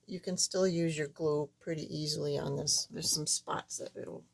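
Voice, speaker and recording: A woman with a thin, squeaky, reedy voice that is not quite back to normal, giving a casual, step-by-step craft tutorial in a halting way. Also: fairly even intonation, creaky. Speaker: card-making tutorial host.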